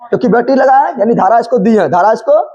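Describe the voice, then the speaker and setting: A male teacher explains physics, constantly asking his students the same question again and teasing them. His voice is high-pitched with a husky edge. The recording is dull and lo-fi. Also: animated, fast talker, dark tone. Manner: repeats questions to the class, scolds students playfully. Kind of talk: classroom lecture.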